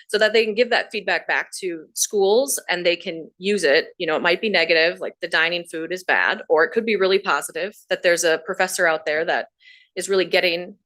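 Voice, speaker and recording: A woman's voice: on the low side, a bit bright. A woman giving a conversational presentation at a board meeting, often saying "you know" as she explains.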